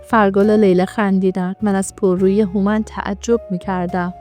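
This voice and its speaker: A woman storyteller reading a first-person story aloud in a brisk, steady manner. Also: mid-range voice, soft background music.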